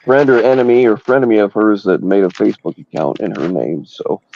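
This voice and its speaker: A man hosts a livestream in a gravelly, dark voice, rambling casually between crude jokes. The audio is dull and lo-fi with a faint hiss behind him. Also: on the low side, animated, fairly quick. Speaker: livestream host.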